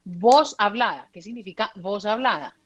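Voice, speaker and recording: A woman's voice: medium pitch, moderate pace. A woman interviewer asking short, direct questions.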